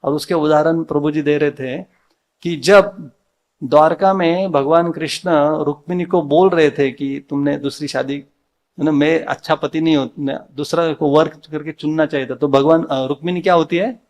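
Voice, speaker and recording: A man's voice: a little high, steady tone, normal speed, darkish tone. A man with an Indian accent giving a devotional Sunday sermon in a temple hall, mixing in English words and asking his listeners questions that he answers himself. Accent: Indian, mixing Hindi with English words. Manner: asks the audience questions and answers them himself.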